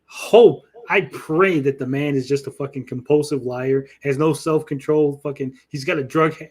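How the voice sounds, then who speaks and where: A man's voice: on the high side, normal speed, husky. A man giving casual, profane commentary as a host, in a crude, emphatic, indignant way. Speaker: host commenting on a played recording.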